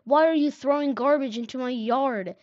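A woman voicing a neighbor who yells loudly from behind a gate in a storybook. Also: sits high, normal speed, no room sound, pitched above the performer's own voice, close to an everyday voice. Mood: shouting. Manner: loud, indignant then surprised. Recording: dull, dry recording.

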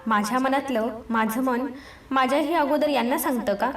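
A woman's voice: high voice, normal speed, natural voice. A woman voicing a cheerful, shy young wife in an audiobook romance. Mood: playful. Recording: roomy echo with faint music behind.

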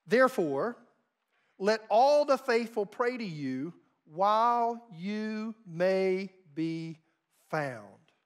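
A man preaching a sermon, telling stories with emphasis and big swings between loud and soft. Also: high-pitched. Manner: storytelling, emphatic, dramatic swings in volume. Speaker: pastor.

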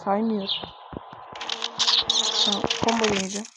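A woman's voice: medium pitch, flat delivery, normal speed. A young woman streaming a game, complaining in exasperated, frustrated commentary and talking back to the game. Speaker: gamer streaming gameplay. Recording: loud background noise with clicks.

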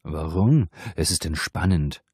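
A man voicing a pushy, unkempt big Dutch colleague in a low, dark, sly manner. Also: lively intonation, measured pace, slightly rough, no room sound, studio quality, heavily acted. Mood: leering. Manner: leering, sly.

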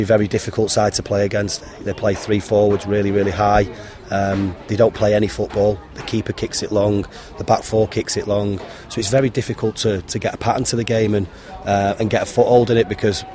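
A man, a football manager giving a frank post-match interview by the pitch, with many ums and restarts. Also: darkish tone. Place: outdoors beside a football pitch. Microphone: handheld interviewer mic held to him.

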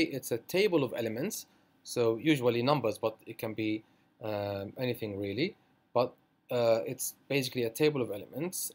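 A man teaching a programming tutorial over a screencast, talking it through with many fillers and self-corrections. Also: mid-range voice. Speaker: programming instructor.

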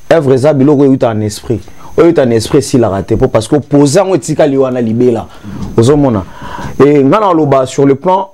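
Animated young man critiquing, mellow voice. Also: medium pitch. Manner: animated, gesturing, mixing Lingala and French. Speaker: commentator. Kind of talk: studio talk-show critique. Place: TV studio with grey sofa.

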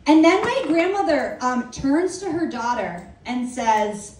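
A woman doing a stand-up comedy set, telling a story in a profane, animated way. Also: high voice, a little slow, distant mic, slight background noise. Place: comedy club stage. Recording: echoey club mic heard from afar, loud crowd. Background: audience laughter.

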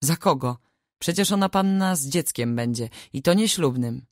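A woman's voice: deep voice, expressive, moderate pace, dry recording, studio quality. A woman reading the lines of an indignant middle-aged village mother with rustic speech.

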